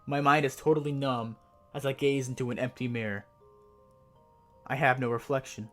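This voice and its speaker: A man performs a haunted narrator telling a creepypasta in the first person. The delivery is measured and suspenseful, drawing out the frightening descriptions. His medium-pitched voice sits over a clear music bed. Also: steady tone, a bit bright, close to an everyday voice. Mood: horrified. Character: haunted, increasingly terrified narrator of a horror tale.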